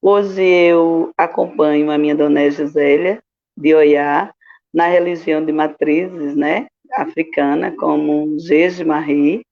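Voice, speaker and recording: A woman, a religious priestess introducing herself slowly and earnestly on a live-streamed panel, with many fillers and tag questions. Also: sits low, fairly even intonation. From Cabedelo, Paraíba, Brazil. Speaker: Afro-Brazilian religious priestess, panel guest. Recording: dull lo-fi stream audio.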